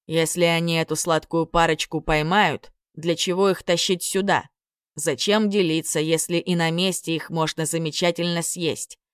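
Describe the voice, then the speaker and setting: A woman's voice: deep voice, steady tone, moderate pace, smooth, no room sound, studio quality, lightly acted. A woman voicing a brash young male hero who teases and boasts in an audiobook story. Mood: cocky. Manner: teasing, boastful.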